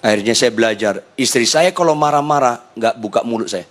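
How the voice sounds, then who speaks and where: Male pastor preaching, jokey storyteller, talks straight to the crowd, goes soft and low to make a point. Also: brisk. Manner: animated storytelling, drops to soft low tones for emphasis; humorous, conversational asides to the congregation. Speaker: pastor and theology lecturer. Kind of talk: sermon with anecdotes.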